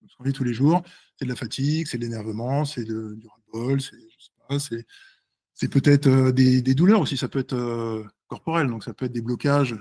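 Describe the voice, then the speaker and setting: A husky, slightly breathy man in his forties leads a seminar in front of an audience. He speaks fast but hesitates often, filling gaps and restarting his phrases, and often stops to check that everyone is following. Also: medium pitch, dark tone. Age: 40s. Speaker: seminar presenter and author. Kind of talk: live seminar talk to an audience.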